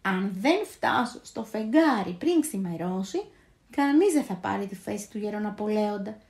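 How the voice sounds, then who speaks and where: A woman's voice: medium pitch, animated, a little mellow, echoey room, natural voice. A woman voicing a small, eager young male moon-coverer in a storybook tale, who talks earnestly and cries out with all his strength. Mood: worried pleading.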